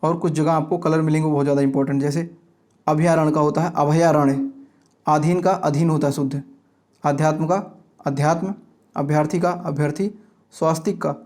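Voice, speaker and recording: Lists of example words come in a steady rhythm from a fairly high-voiced man teaching exam-prep grammar. Every so often he breaks off to see whether students are following along.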